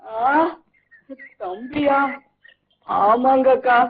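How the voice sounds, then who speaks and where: A man's voice: extremely high pitch, extremely slow, exaggerated voice. An actor playing a bumbling young man who politely asks a village woman for directions, stammering as he goes. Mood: sheepish. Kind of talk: 1980s comedy film acting. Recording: tinny, husky old film soundtrack.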